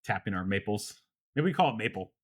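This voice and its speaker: A man's voice: fairly low pitch, very animated, fast talker, breathy edge. A man co-hosting a podcast in casual chat, laid-back, laughing often and trailing off with fillers. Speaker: podcast co-host.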